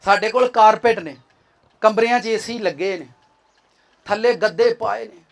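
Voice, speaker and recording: High-pitched fervent preacher man. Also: measured pace, gravelly. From Pakistan. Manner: fervent, exhorting, switches into acted quotes of others. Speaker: pastor. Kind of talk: sermon.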